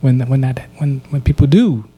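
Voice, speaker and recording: A man's voice: mid-range voice, moderate pace, dark tone, breathy edge. A man hosting a casual podcast conversation, reflective and often repeating words as he restarts his sentences. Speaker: podcast host.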